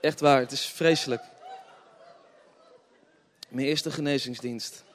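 A man preaching a humorous testimony sermon, telling stories with laughter and swinging between hushed and loud. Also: medium pitch, steady tone, slow. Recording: long hall reverb.

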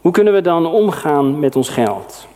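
A middle-aged man from the Netherlands preaching a sermon, lively and personal, with sudden emphatic exclamations. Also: on the high side, moderate pace. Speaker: pastor.

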